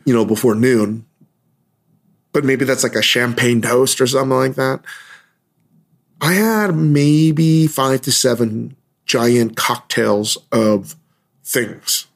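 Male podcast host, hungover, gravelly fry in a mid-pitched voice, rambling casually and musing as he goes.

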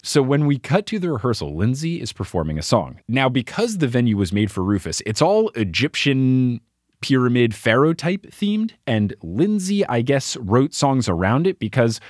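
A man's voice: medium pitch, big pitch swings, moderate pace, a little mellow, dry recording, clean studio sound. A man hosting a podcast, recapping a cartoon episode in a wry, chatty way. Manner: chatty, wry storyteller, keeps score. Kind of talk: casual chat.

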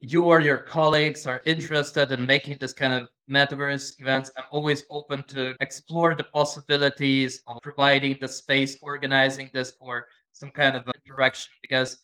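A man being interviewed as a guest, speaking hesitantly and pausing to find his words. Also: mid-range voice, little pitch movement, sharp tone, clean tone. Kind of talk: interview conversation.

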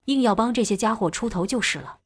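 A woman's voice: a little high, fast talker, husky, dry recording. A woman voicing a sneering, resentful young lightning wielder. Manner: sneering, defensive.

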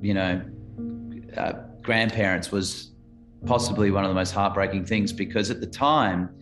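A man's voice: low-pitched, normal speed, over music. An Australian musician in his late thirties, talking reflectively in a rambling interview with many restarts. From Adelaide, South Australia. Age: late 30s. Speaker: musician guest. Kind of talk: casual interview chat.

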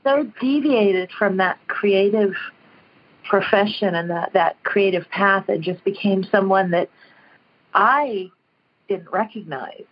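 A woman's voice: mid-range voice, unhurried, a little hiss or hum. Woman calling into a radio show, dull phone sound, hesitant, keeps searching for words. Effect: phone-line caller voice on radio. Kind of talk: call-in conversation.

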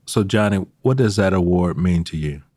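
An American man hosting a podcast interview in a courteous, measured way. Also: deep voice, mellow, no echo, clean studio sound. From United States. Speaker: podcast host, military veteran.

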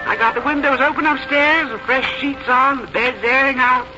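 In a 1950s radio drama, an actress plays a fussy older American farm mother who is fond but bossy, using homespun, matter-of-fact phrasing in a brisk mood. Her voice sits high and sounds close to everyday speech, with fairly even intonation at normal speed. The old broadcast recording is muffled and noisy, with loud music behind her.

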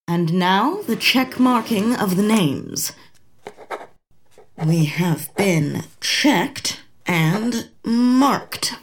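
A woman playing a dry, dutiful poet in a comedic audio drama, speaking in a deadpan, matter-of-fact way. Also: medium pitch, extremely slow.

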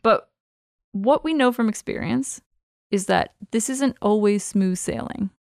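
Woman podcast co-host, casual chat, upbeat, dry close sound, medium pitch. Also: measured pace, vocal fry, no room sound. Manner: upbeat, laughs often.

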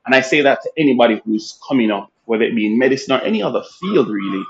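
A man with a Jamaican accent, born in Nigeria, talking as a guest physician in a casual interview, animated and laughing often, restarting phrases as he goes. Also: medium pitch, very fast, muffled recording, a little hiss or hum. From born in Nigeria, raised in Jamaica.

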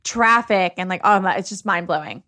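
A woman's voice: medium pitch, brisk, sharp tone. A woman hosting a casual chat, agreeable and chatty. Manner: chatty, agreeable, laughs easily.

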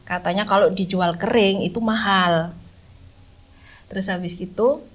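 A woman, a podcast guest who recalls a camping trip in a casual, halting way, often stopping to search for words. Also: mid-range voice, steady tone, low-quality recording. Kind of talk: casual spoken recollection.

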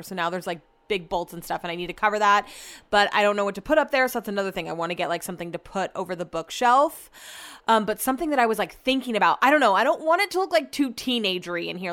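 A woman's voice: mid-range voice, fairly bright tone. A woman hosts a casual solo podcast in a bubbly sorority-girl way. She has a mid-range voice, gushes with emphatic repeats, and wanders off on tangents in girly, "like"-filled slang. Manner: rambling, sidetracked valley-girl-like talk heavy on "like". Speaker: podcast host.

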